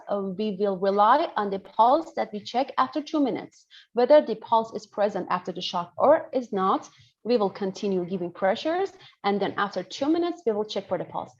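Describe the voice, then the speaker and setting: Over muffled video call audio from indoors, a pediatrician lecturer from northern Iran, speaking with an Iranian accent, runs an interactive online medical class. Her voice is medium-pitched and darkish, and she frequently checks that her listeners follow her explanations.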